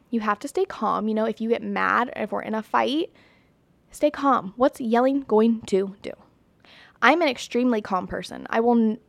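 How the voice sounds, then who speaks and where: A young woman talks straight to camera in a dry, close sound, her voice sitting a little high. She is chatty and blunt, stressing her points with many fillers and sounding sure of her own views. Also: vocal fry, fairly bright tone, dry recording. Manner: chatty and emphatic, many "like"s and "you know"s; blunt and opinionated. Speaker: vlogger. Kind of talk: casual talk to camera.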